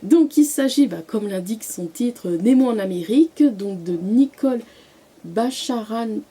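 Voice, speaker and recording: A young woman chatting casually about books she loves, often pausing, restarting and filling gaps with "euh" and "voilà". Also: medium pitch, lively intonation, warm tone, slightly rough. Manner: hesitant, many fillers and restarts. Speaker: book vlogger. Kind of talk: casual book review vlog.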